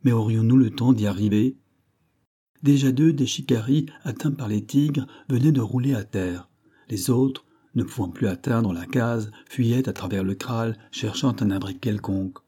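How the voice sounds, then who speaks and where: A man narrating a classic adventure novel as an audiobook in a measured, steady way. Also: medium pitch, breathy edge.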